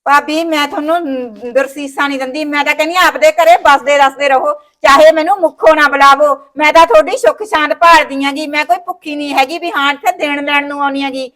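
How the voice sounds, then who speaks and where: A woman's voice: high-pitched, fairly even intonation, fast, hardly any pauses, fairly bright tone. A woman with a Punjabi accent, acting in a family short film, complaining indignantly and refusing every offer. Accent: Punjabi (Malwa). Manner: indignant, complaining, talks over objections. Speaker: actor playing a sulking sister-in-law.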